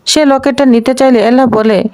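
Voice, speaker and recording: A woman narrating the plot of a family drama serial, reading every character's lines in her own steady storytelling voice. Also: high voice, brisk.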